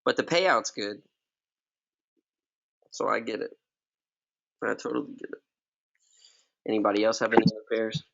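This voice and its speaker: Trading mentor, male, relaxed slangy delivery, gravelly tone, dull recording. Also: fairly low pitch, moderate pace, pauses often. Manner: laid-back, slangy, repeats himself. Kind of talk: casual live trading session.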